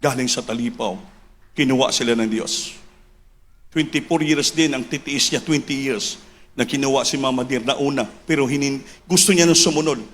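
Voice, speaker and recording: A man preaching a sermon, switching between Tagalog and English and building to emphatic shouts. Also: medium pitch, moderate pace, slight background noise.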